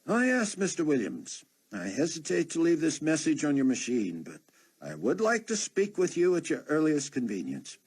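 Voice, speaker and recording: A man voicing a formal, measured police captain in an audiobook. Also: on the high side, huge pitch swings, a little mellow, breathy edge, voice pushed up, full character voice. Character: formal, stiff middle-aged police captain.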